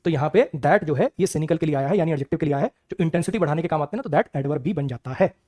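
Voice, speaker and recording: A man's voice: a little high, racing, mellow. A man teaching an exam-prep English grammar lecture, firing rhetorical questions at his students.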